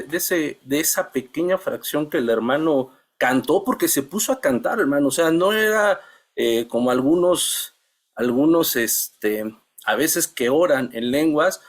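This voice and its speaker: A middle-aged man giving an earnest, halting testimony in a church Bible class, often calling his listeners brothers. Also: fairly high pitch.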